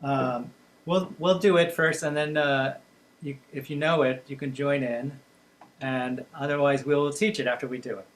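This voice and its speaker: Running a casual online family folk music workshop by video call, a man from Boston speaks with a Boston accent. He is chatty, quick to laugh, and full of fillers, with a medium-pitched voice, a steady tone, and normal speed.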